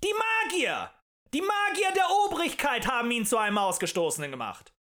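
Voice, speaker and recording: A man voicing a fiery male demagogue who rants and shouts at a tavern crowd in an audiobook. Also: extremely high pitch, huge pitch swings, moderate pace, pitched above the performer's own voice, full character voice. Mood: ranting. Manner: ranting, shouting, rhetorical and accusing.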